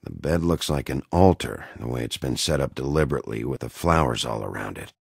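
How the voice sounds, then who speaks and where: Bigby, a gravelly, very deep wolf detective. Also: male voice, animated, brisk, no echo, exaggerated voice. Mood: brooding, investigative. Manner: terse, low-key, dry. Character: gruff, brooding big bad wolf detective, adult man, dogged. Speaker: voice actor playing a video game detective. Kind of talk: video game dialogue acting.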